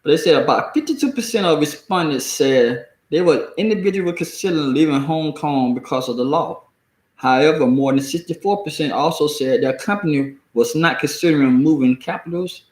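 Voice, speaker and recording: An American man with a deep Southern accent, reading and commenting casually on the news in a halting, folksy, colloquial way. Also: lively intonation. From United States. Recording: echoey room.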